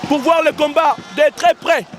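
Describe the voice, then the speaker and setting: A man with a hoarse voice, giving live, excitable commentary at an outdoor wrestling gala and often repeating his lines. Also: very high voice, normal speed, heavy background noise. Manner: excitable, shouting, repeating phrases. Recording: outdoor event with loud crowd and music.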